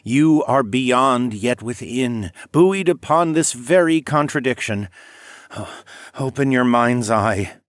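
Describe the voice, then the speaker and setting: A man voicing a feverish old great-granduncle who mumbles low as he teaches meditation in an audiobook. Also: lively intonation, slow pace, dry recording, clean studio sound. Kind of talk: audiobook character voice.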